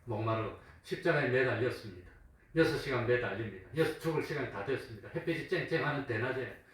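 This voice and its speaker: A man's voice: medium pitch, quick pace, a bit bright. A male pastor preaching a sermon in a church, asking his congregation questions and answering them himself, and sometimes acting out mocking voices. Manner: acts out the mockers in a raised, taunting voice. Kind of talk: sermon with call-and-response questions. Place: church sanctuary. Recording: very echoey room from a distance, faint hum.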